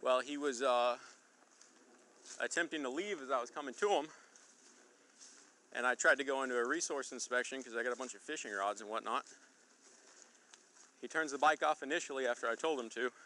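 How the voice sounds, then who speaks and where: A man's voice: medium pitch, brisk, long pauses, pushed and bright. A man working as a police officer, recounting an incident to colleagues outdoors. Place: outdoors by a road and river.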